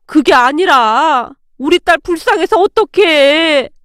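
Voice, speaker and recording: A petulant older mother-in-law whines and complains in a high voice, as a woman narrator puts her on. The recording is dry and close. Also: expressive, takes it slowly, fairly bright tone, dry recording, exaggerated voice. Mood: whiny. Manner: whiny, complaining.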